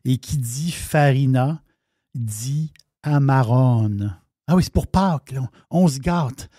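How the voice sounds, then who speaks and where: A man's voice: mid-range voice, unhurried, warm tone, slightly rough, no room sound, studio quality. A man with a Québécois French accent giving a wine segment on a radio show, in enthusiastic, rambling casual chat with many restarts. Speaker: wine columnist.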